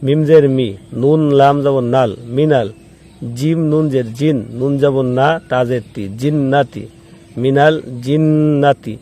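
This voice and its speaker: A man teaching Quran recitation step by step, spelling out each letter and vowel mark, then slowly chanting the word and patiently repeating the rules. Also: mid-range voice, fairly even intonation, warm tone.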